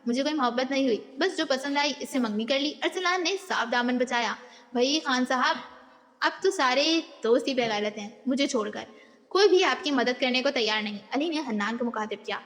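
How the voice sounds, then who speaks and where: A woman's voice: high voice, brisk, a bit bright. Woman narrating a novel, reverberant room. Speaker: audiobook narrator.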